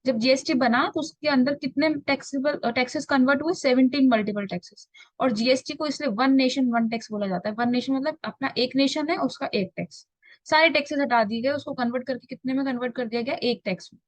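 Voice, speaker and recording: A young woman, a tax tutor, gives a revision lecture in a high-pitched voice with no echo. She asks questions and answers them herself, repeats key terms, and reads definitions slowly, word by word.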